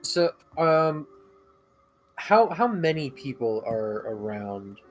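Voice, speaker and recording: A man's voice: mid-range voice, very animated, takes it slowly, low-quality recording. Man, game player, casual hesitant chat with repeated words, light music underneath. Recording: music behind the voice.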